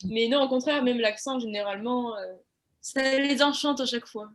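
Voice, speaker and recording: A woman's voice: fairly high pitch, moderate pace. A young woman with a southwestern French accent, a student guest talking frankly in a casual conversation, laughing often and acting out what others said. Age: young adult. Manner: lively, frank, laughs often, acts out quotes.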